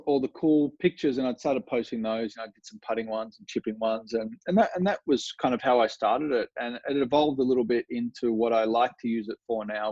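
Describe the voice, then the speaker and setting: In a laid-back interview, this Australian guest, a golf coach, drifts along easily, restarting often and leaning on fillers. He speaks in a mid-range voice, captured in muffled, close, dry audio with no echo.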